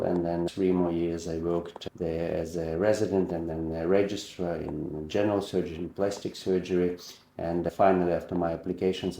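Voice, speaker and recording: A middle-aged man from Ukraine with a Ukrainian accent, a surgeon recounting his career in a measured way, restarting words and using slightly non-native phrasing. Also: low voice, warm tone, roomy sound. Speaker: heart and lung surgeon. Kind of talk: personal career account.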